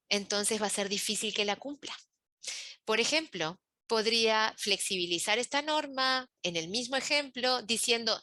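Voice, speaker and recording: Bright-voiced woman coach. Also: medium pitch, no echo. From Uruguay. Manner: explanatory, asks rhetorical checks. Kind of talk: webinar talk on guilt.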